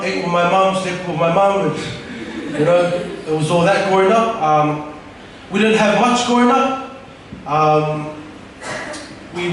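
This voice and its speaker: A young Tongan man stands on a church stage with a handheld mic, telling his life story as a testimony in a casual, rambling way full of fillers. His voice is high, and the recording, made from far off in an echoey large hall, carries slight background noise.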